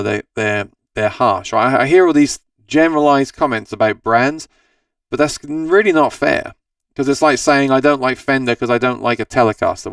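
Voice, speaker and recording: Answering viewer comments on a casual guitar live stream, an Australian host rambles and corrects himself, his medium-pitched voice tired, scratchy and gravelly yet clean in tone. The sound is clean studio quality with no room sound, though the mic is distant.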